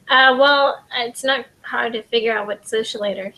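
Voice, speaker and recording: Woman co-hosting a casual review chat, short answers, lots of laughing, kinda high voice, a bit off mic. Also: sharp tone, rough recording. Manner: brief replies, laughs often.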